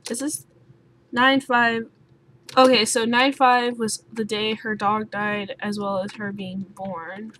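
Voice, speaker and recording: A young woman playing a puzzle game and thinking out loud, swearing often and sounding sleepy. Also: mid-range voice, little pitch movement, slow. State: sleepy, just woke up. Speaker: gaming YouTuber. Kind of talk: let's play commentary. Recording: noisy home recording with keyboard sounds.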